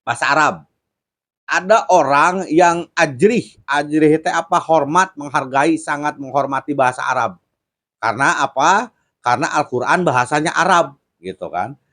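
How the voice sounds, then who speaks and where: A man's voice: fairly high pitch, normal speed, fairly bright tone. A man hosting a casual commentary chat, explaining points patiently and laughing at his own jokes. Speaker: host.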